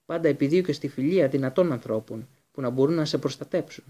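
A fierce, bitter escaped prisoner from a storybook, voiced by a male audiobook reader. He speaks with intense, accusing weight. The voice is mellow and husky, pitched a little high. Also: natural voice. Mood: contemptuous. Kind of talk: audiobook character reading.

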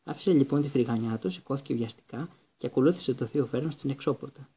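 A man narrating an audiobook in an even, storytelling manner. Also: medium pitch, slightly rough. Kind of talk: scripted narration.

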